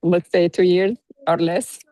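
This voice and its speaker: A woman's voice: lowish voice, steady tone, measured pace, crowd noise. A woman from Saudi Arabia who is a PhD student, speaking briefly and directly on a video call.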